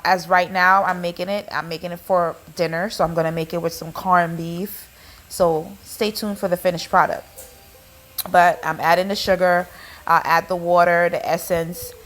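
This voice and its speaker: A woman's voice: fairly low pitch, fairly bright tone. A woman with an Antiguan accent giving a casual, chatty cooking tutorial as the host of her channel. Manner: informal, chatty, instructional.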